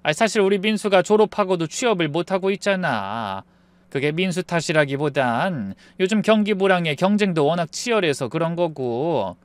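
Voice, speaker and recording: A man voicing an apologetic older mother-in-law who asks slowly and hesitantly. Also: fairly high pitch, animated, clean tone, no room sound, close to an everyday voice. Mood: pleading.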